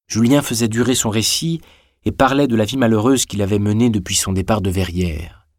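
A man narrating a classic novel in a measured, even reading. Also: lowish voice, no echo, studio quality. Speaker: audiobook reader. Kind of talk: scripted audiobook narration.

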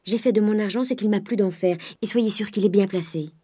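A woman voicing a quietly defiant daughter of twenty-two who answers calmly, respectfully and firmly. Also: mid-range voice, a little fast, slightly rough, pitched above the performer's own voice, lightly acted. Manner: calm, respectful but firm.

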